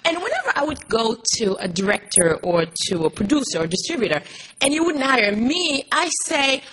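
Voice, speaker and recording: Speaking English on a panel in Montreal, this actress from Haiti, a native Haitian Creole speaker, earnestly recounts something personal, frequently restarting and filling pauses. Her high-pitched voice swings widely in pitch at a normal speed and sounds a bit bright and slightly rough. It's a rough recording.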